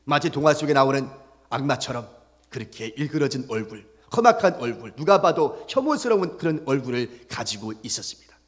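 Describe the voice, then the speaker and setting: A man preaching a sermon as pastor, telling an illustration story and asking the congregation questions, rising to loud emphatic peaks and dropping to soft hushed lines. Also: mid-range voice, big pitch swings, fairly quick. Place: church sanctuary. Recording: long hall reverb.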